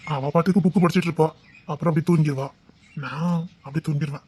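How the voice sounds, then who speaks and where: Brief: a gentle, unhappily married young man, husky and quick, quiet and consoling. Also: fairly high pitch, fairly even intonation. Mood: confiding. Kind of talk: TV serial melodrama.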